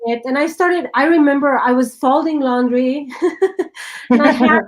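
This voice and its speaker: On a live stream, a high-pitched woman with a foreign accent chats casually, getting excited and laughing easily. She often restarts her sentences partway through.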